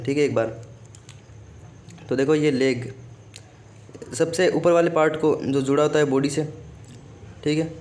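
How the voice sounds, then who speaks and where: A man's voice: fairly high pitch, darkish tone, slight background noise. A man teaching a biology lesson for exam prep, who keeps repeating "okay" and asks himself questions before answering them.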